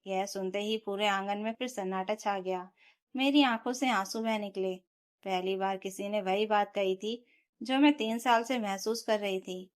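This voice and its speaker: A woman telling a scripted first-person family story with steady, emotional, dramatic delivery. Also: mid-range voice, normal speed.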